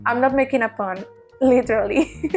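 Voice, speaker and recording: A woman's voice: on the high side, normal speed, darkish tone, faint music behind. A woman vlogging in a casual ramble, laughing often and restarting her words, recorded on a tablet at home. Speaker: vtuber vlogger. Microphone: tablet mic.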